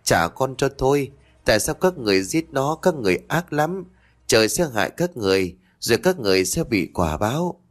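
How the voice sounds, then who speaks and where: A man's voice: medium pitch, very animated, fairly quick, voice pushed up, natural voice. A man voicing a wronged blind young mother who cries out accusations and curses. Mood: anguished.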